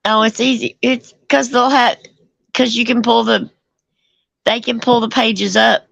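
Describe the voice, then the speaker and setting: A woman's voice: a little high, fairly even intonation, unhurried, vocal fry, fairly bright tone, dry recording, rough recording. A woman co-hosting a casual livestream chat, rambling and laughing easily. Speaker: co-host.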